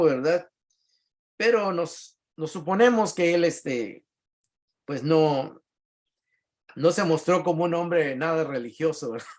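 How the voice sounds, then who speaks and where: Middle-aged male pastor, Latin American Spanish accent, fairly high voice, chatty Bible-class teaching, reads and explains. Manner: conversational, reads verses then explains, frequent tag questions.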